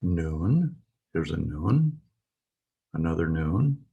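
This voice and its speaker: A man with a very low, husky voice teaches letters one by one. He speaks slowly and patiently, pausing to point things out in the text. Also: sing-song, narrow, tinny audio. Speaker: Hebrew teacher. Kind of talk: slow spoken alphabet lesson.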